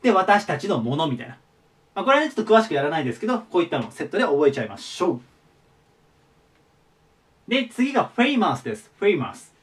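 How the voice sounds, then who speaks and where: A man giving a casual vocabulary lesson, friendly and polite, repeating each word slowly and clearly. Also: fairly high pitch, very animated. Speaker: English teacher. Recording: voice a bit far from the mic.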